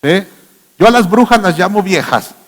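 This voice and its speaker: A man's voice: high-pitched, animated, moderate pace. A Mexican male pastor preaching a sermon, telling stories emphatically and mimicking the people he quotes, in a church hall. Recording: long church hall reverb.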